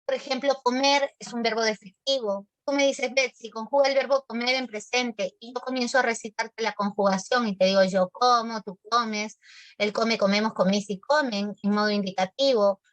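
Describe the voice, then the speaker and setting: A woman teaching a live online grammar class, her voice sitting a little high. She explains step by step, keeps asking whether the pupils follow, and calls them by pet names. The sound is close and dry, with no room around it. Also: steady tone, moderate pace, no echo. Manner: explanatory, affectionate with pupils, checks understanding often. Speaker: language teacher.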